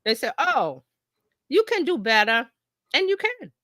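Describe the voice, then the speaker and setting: This woman coaches marketing on a live stream in an informal, animated, conversational style, frequently acting out imagined remarks and checking on listeners. Her high voice runs a little slow. The audio is clean studio sound with no room sound.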